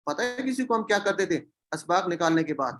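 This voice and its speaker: A man teaches an online Quran class in a voice a little higher than most men's. He keeps asking the students questions. He repeats the key words so they stick. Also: animated, fairly bright tone.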